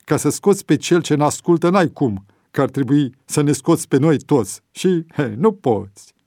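A man's voice: a little high, animated, dry recording, clean studio sound, voice pushed up. A man playing a bold, commanding priest. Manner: forceful, preaching, declaiming.

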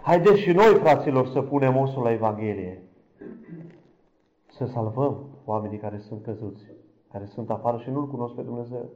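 Guy preaching to his church, gets loud and fired up then goes real quiet, middle pitched voice. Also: poor audio. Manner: swings from loud fervent cries to hushed near-whispers; addresses the congregation directly. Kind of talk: impassioned sermon testimony.

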